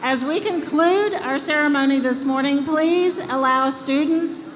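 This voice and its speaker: High-voiced American woman at a podium microphone. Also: a little slow. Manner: speaking at a podium microphone to a hall. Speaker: school official presiding at graduation. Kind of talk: formal ceremonial address. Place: school gym with PA system. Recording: echoey PA in a noisy gymnasium.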